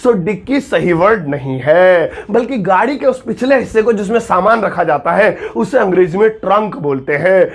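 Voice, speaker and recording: A man with a high-pitched voice gives a relaxed video lesson on English usage. He teases and jokes as he goes and slips English phrases into his explanations. He sounds young and chatty. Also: moderate pace, hardly any pauses. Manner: playful, joking, mixes Hindi with English phrases. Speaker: English teacher. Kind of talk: casual Hindi video lesson.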